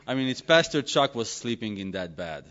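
A man pastor from Serbia, giving a joking, self-deprecating conference talk in halting English. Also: medium pitch, sing-song, fairly bright tone. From Serbia (former Yugoslavia). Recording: dull lo-fi sound.

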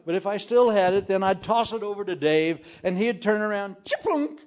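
Folksy older preacher telling jokes. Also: male voice, sits high, fairly quick. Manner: folksy, animated, self-deprecating. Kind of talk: sermon with humorous storytelling. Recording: muffled lo-fi recording.

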